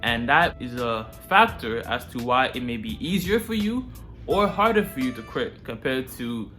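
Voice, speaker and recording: Bright-voiced man giving casual, slangy advice. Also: mid-range voice, lively intonation, normal speed, faint music behind. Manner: slangy, informal. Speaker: host of a self-improvement video series. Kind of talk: casual direct-to-viewer advice talk.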